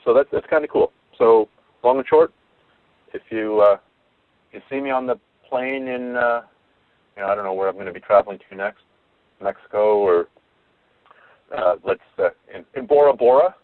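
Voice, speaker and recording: A man's voice: lowish voice, normal speed, pauses often, no room sound. A man being interviewed as a guest, talking frankly and casually about his sport. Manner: frank, easygoing, loose phrasing. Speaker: interview guest, martial arts instructor. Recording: dry phone-line audio.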